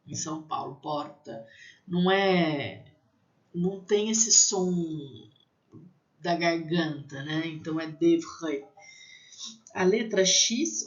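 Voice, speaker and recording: A woman from Brazil teaching technical French to pastry students, spelling out sounds slowly and often checking in with "né?". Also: lowish voice. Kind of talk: language lesson for pastry students. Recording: slightly dull lo-fi recording.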